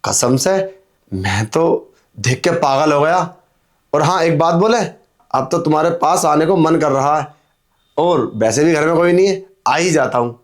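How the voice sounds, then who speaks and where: A man's voice: a little high, expressive, unhurried. A man playing a pushy, leering young milkman. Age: young adult. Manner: insistent, wheedling. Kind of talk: melodramatic audio drama.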